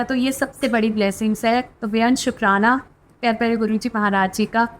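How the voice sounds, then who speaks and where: High-voiced woman telling a heartfelt devotional story. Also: slight background noise. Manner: earnest, heartfelt storytelling with soft filler words. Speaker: devotee sharing spiritual experiences. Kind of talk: devotional testimony.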